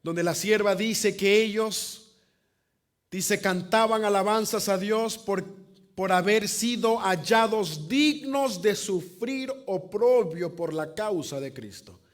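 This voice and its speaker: A man's voice: high voice, slow. A man preaching an evangelistic sermon as pastor, dramatic, asking the congregation questions. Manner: dramatic, asks the congregation questions and acts out quotes. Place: church.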